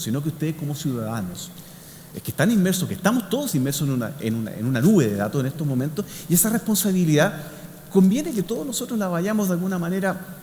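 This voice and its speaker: A Chilean man with a fairly high voice gives a didactic public talk. He keeps checking in with short questions, his voice ringing in a big hall over faint noise. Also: darkish tone. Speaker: speaker, scientist. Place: large indoor hall before an audience.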